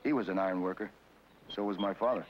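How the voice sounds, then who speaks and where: A man's voice: low-pitched, fast, slight background noise. A middle-aged man talking in a plain, reflective, conversational way in an old documentary interview, heard from a worn tape copy. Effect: worn tape copy of an old film soundtrack. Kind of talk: documentary interview, casual talk. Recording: dull, echoey worn tape over music.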